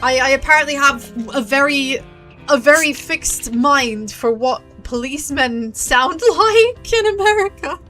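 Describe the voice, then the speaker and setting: A woman giving a casual let's-play commentary as a streamer, excitable and quick to swear. Her voice sits fairly high and she talks at a slow, drawn-out pace. Faint game music plays behind her. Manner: excitable, swears, laughs a lot. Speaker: VTuber streamer.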